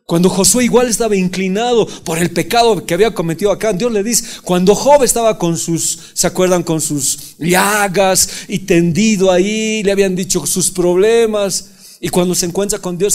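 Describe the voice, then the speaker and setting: A man's voice: sits high, a little mellow. A male pastor giving a Bible-study sermon in a conversational way, often asking his listeners rhetorical questions.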